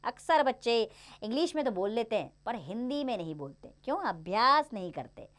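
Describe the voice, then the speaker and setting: A woman teaching young children in a recorded lesson, her voice rising and falling in a lively, animated way. She is patient and encouraging, and keeps checking in with the class. When she counts, she says each number slowly and clearly. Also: on the high side.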